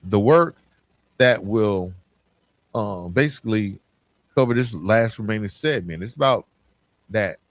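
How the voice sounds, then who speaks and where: In a dry recording, a man with a fairly low voice hosts a motivational podcast, urging his listener on earnestly and emphatically in informal language.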